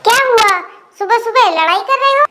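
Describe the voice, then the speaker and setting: High voice doing a nosy cartoon aunty, preachy and chiding, faint hiss. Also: animated, moderate pace. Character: meddling neighborhood aunty.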